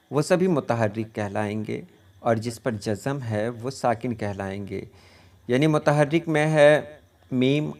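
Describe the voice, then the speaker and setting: A man from India, an Urdu teacher, patiently explaining poetic meter and slowly repeating words to drill pronunciation. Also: medium pitch, a little mellow. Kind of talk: poetry meter lesson.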